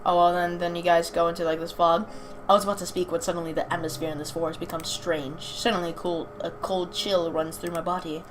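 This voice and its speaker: A young woman with a lowish voice and little pitch movement chats informally about a game at a fairly quick clip, reading its text aloud and occasionally stumbling. It's a clearly noisy amateur home recording for a gaming video.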